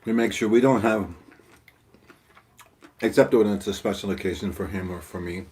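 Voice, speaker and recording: A man co-hosting a mukbang, chatting casually and answering viewer questions over a meal, with hesitant pauses. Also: on the low side, darkish tone. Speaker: mukbang co-host.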